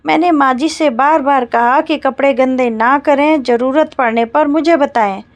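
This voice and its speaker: A woman voicing a tired housemaid who complains about her duties in a storybook reading. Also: high-pitched. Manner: complaining, aggrieved.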